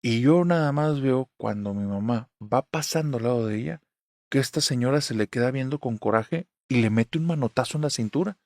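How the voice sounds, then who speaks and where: A man with a Mexican accent tells a first-person horror story in a conversational, confiding way, often turning to address the listener. His voice sits at a medium pitch. The recording is dry and close, with no room around it. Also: brisk, darkish tone, no room sound. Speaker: narrator. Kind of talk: storytelling narration of a horror tale.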